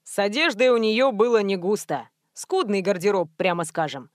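A woman's voice: medium pitch, lively intonation, moderate pace, dry recording, studio quality, close to an everyday voice. A woman voicing a male police investigator who speaks plainly and informatively in an audiobook. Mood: matter-of-fact. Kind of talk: audiobook character voice.

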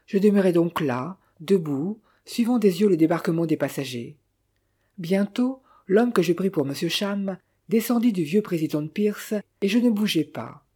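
A reader voicing a cheerful, idle young man who teases his father and recounts his day, in a low, husky, mellow tone. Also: lively intonation, normal speed. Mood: recounting. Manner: cheerful, teasing, casually recounting.

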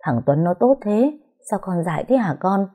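A woman's voice: medium pitch, very animated, moderate pace, mellow, slightly rough. A woman voicing an anxious older mother from the countryside, pleading and scolding. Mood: fretful. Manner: fretful, pleading.

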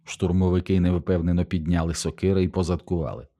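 Deep-voiced male audiobook narrator. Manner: calm, measured reading. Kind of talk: scripted narration.

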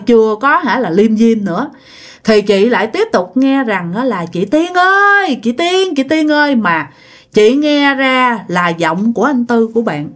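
A woman with a Southern Vietnamese accent telling a ghost story in a chatty way, speaking directly to her listeners. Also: medium pitch.

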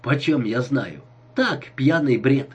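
A suave seducer speaks with false sympathy, as a male reader plays him. The voice is husky, and the intonation moves a lot. Audiobook character reading. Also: mid-range voice, expressive, slow pace, dull audio, full character voice. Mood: nervous. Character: smooth-talking seducer man, nervous underneath.

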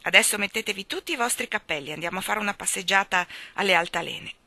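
A woman voicing a prim, stern adult nanny who speaks in a crisp, reproving way. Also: mid-range voice, quick pace, no echo. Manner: sharp, offended, then ironic warnings.

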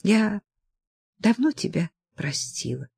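A woman's voice: on the low side, a little slow, creaky, mellow, husky, no room sound, clean studio sound, full character voice. A woman reading the lines of a loving, tearful middle-aged mother in an audiobook, with emotion. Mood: tender, tearful.

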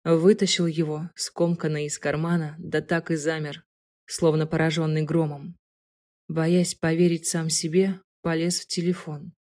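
Female audiobook narrator, lower voice, calm and soft. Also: measured pace.

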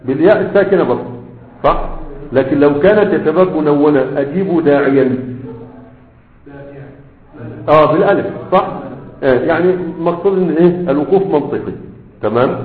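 A man with an Egyptian Arabic accent teaching a grammar lesson, constantly quizzing his students with half-finished questions and checking they follow. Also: on the high side. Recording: echoey room over a tinny, phone-like line.

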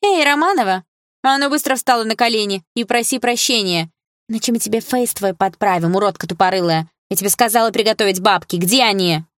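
A woman voicing an arrogant, vicious teenage schoolgirl who leads a gang, yelling insults. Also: medium pitch, animated, measured pace, few pauses, no echo, clean studio sound, voice pushed up. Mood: aggressive, shouting.

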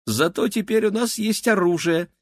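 A man voicing a quick-witted, teasing teenage girl in an audiobook, raising his voice high for her. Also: very animated, breathy edge. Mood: giggling. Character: quick-witted teenage girl, sharp-tongued twin sister. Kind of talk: audiobook character voice.

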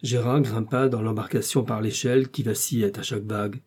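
Brief: male narrator, mellow, slightly husky, measured audiobook read. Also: fairly low pitch, steady tone. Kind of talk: audiobook reading of a novel.

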